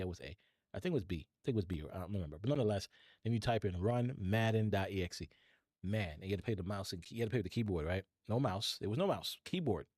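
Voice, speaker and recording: A man's voice: lowish voice, a little mellow, no room sound, studio quality. A middle-aged man hosting a live tech stream, chatting casually and rambling as he talks straight to his viewers. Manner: chatty and rambling, addresses chat directly.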